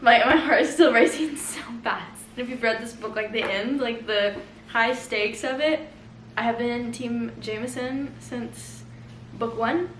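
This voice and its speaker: A woman's voice: a little high, a little slow, fairly bright tone, slight background noise. A young woman vlogging casually at home, gushing and bubbly about what she reads. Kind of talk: casual chat. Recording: roomy home audio with faint ambience.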